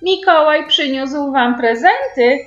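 A woman voicing a lively little girl who guards her presents, exclaiming shrilly in a storybook reading. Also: high voice, a little slow, soft background music, voice pushed up. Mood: excited. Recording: roomy, dull lo-fi recording.

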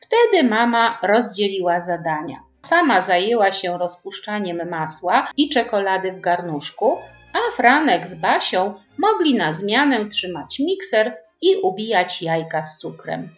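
A woman reading a children's story aloud to preschoolers in a gentle, expressive storybook manner. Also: mid-range voice, a little slow. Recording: echoey, dull room with faint music.

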